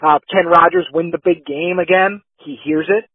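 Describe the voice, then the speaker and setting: A man on a podcast, talking fast and emphatically with plenty of fire. His voice sits a bit high and sounds husky. It comes through a tinny, phone-like line with no room sound. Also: steady tone, no room sound. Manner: fired-up, emphatic predictions. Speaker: podcast co-host. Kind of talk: sports podcast chat.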